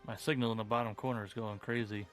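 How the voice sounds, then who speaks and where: A man's voice: on the low side, level tone, fast, faint music behind. A man running a tabletop game as game master over a voice call, talking casually and laughing easily. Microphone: home computer mic on a voice call.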